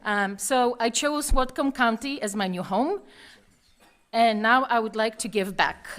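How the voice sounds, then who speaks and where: Woman, Polish accent, candidate, earnest, prepared statement, some fillers. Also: medium pitch. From Poland. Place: meeting hall.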